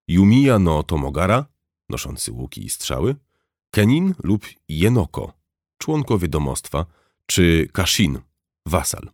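Deep-voiced man narrating with lively intonation. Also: dry recording, clean studio sound. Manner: measured reading, slows to spell out foreign terms. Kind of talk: scripted nonfiction narration.

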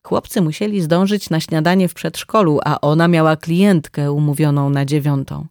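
Calm woman reading a novel aloud. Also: deep voice, moderate pace, dry recording, studio quality. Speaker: narrator. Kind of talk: scripted audiobook narration.

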